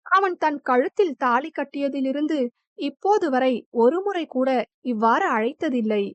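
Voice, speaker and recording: A woman with a high, light voice reads a romantic novel aloud, slipping into each character's lines without changing much. The sound is dry and close, with no room around it. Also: expressive, a little slow, no echo, muffled recording. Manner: voices all characters lightly in her own voice. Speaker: audiobook narrator. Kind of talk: storytelling narration with voiced dialogue.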